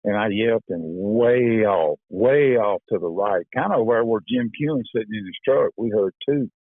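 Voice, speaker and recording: A man with a lowish voice recounts a hunt in a folksy, storytelling manner. The sound is narrow and phone-like, completely dry with no room. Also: moderate pace, no room sound. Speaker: hunting show host. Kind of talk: storytelling voice-over.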